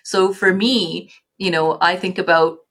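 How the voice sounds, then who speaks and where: A middle-aged woman with a notably low voice speaks as an interview guest. She talks earnestly and casually, circling back with frequent fillers and restarts. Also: fairly even intonation, measured pace, a bit bright. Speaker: guest, nonprofit chief executive.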